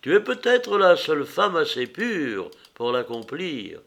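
A man's voice: on the high side, huge pitch swings, unhurried, creaky, fairly bright tone, full character voice. A man reading the part of a proud, bitter imperial Roman mother in an audiobook, in a stern, commanding manner.

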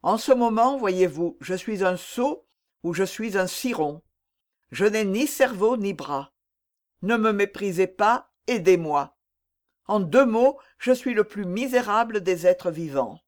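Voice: mid-range voice, animated, unhurried, close to an everyday voice. A reader voicing an anguished, lovesick young nobleman who pleads earnestly, in an audiobook reading of a classic novel. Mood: pleading.

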